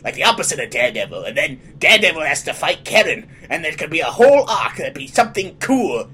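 A man with a bright, sharp voice and a lively, swinging pitch, bantering comically about TV as a podcast host. Faint noise sits under the recording. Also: fast.

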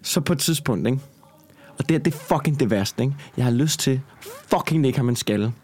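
A man, a stand-up comedian telling a story in casual conversation and swearing a lot. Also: mid-range voice. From Copenhagen. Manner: swears a lot, heated and animated when retelling.

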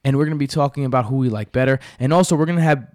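A man's voice: medium pitch, rapid-fire, darkish tone, no room sound, clean studio sound. A man with a New York accent, energetically hosting a sports podcast. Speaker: podcast host.

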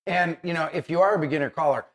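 A man's voice: fairly high pitch, fast talker. A man hosting a casual how-to interview in an encouraging manner. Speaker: host.

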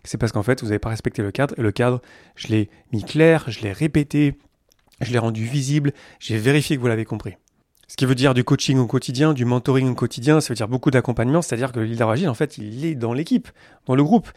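A man talks through a solo podcast episode in an earnest, emphatic way, piling up lists of verbs. His voice sits at a middle pitch. The recording is close and dry, with no room sound. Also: quick pace, darkish tone, no room sound. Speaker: podcast host. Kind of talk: solo explanatory podcast monologue.

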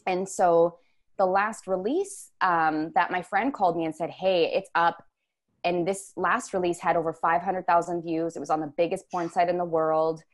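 A woman's voice: on the low side, fairly even intonation, normal speed. Earnest woman opening up in interview. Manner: earnest, searching speech with many restarts. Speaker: podcast guest, choreographer. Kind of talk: candid interview conversation.

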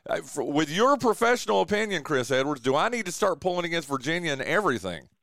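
Male podcast host, slightly high voice, bouncy animated delivery, dry close sound. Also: fast, creaky, no room sound. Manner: animated, joking, says "dude" a lot. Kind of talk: casual sports chat.

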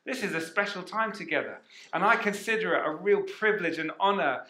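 A man preaching a sermon as pastor, energetic and questioning the congregation, on a headset mic in a church hall. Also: sits high, fairly quick.

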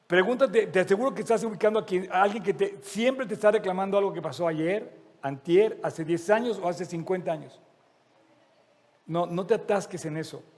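A man's voice: sits high, darkish tone. A man preaching a sermon. He speaks in an earnest, emphatic way and repeats his key phrases. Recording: long reverb of a large hall.

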